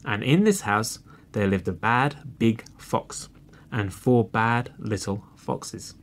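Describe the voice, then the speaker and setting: A man reading a children's fairy tale aloud, slow and expressive. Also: fairly low pitch. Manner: slow and expressive, clearly read for learners. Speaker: storyteller. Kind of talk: storybook reading.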